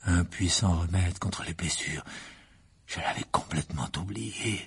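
A cold, gloating young wizard , voiced by a man, speaks in a deep, gravelly drawl with a very husky edge. He taunts slowly and lets his words fall to near whispers. A storybook villain read aloud. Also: exaggerated voice. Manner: slow, taunting, drops to whispers.

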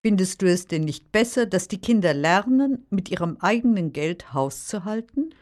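An actress playing a practical, skeptical daughter who contradicts drily in scripted dialogue. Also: female voice, mid-range voice, lively intonation, normal speed, a little mellow, natural voice. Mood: dry, contradicting. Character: practical, skeptical grown daughter of a nostalgic father. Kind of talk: scripted language-lesson dialogue.

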